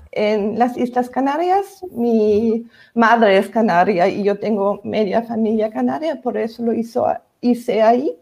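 A woman with a fairly high voice speaks at a very slow pace. She has a foreign, non-native accent in Spanish and searches for her words as she explains her writing in a panel discussion. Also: a little mellow. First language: not Spanish. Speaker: novelist, panel guest.

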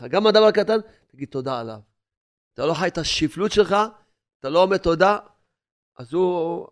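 Male preacher, sermon storyteller, slightly high voice, loud-soft swings. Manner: storytelling, swinging between loud exhortation and hushed asides.

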